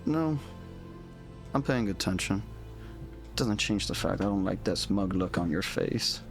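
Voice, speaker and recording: A man's voice: low voice, animated, measured pace, creaky. A man playing a tabletop game in character, defiant and sarcastic, often laughing. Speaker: player. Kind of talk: in-character tabletop role-play. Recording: music playing behind.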